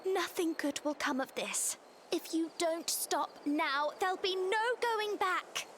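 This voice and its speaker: A woman's voice: very high voice, fairly bright tone, a little hiss or hum, full character voice. A woman voicing a young woman earnestly begging someone to turn back. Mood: pleading. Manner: pleading, earnest and slow. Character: young woman begging a dark prince to stop.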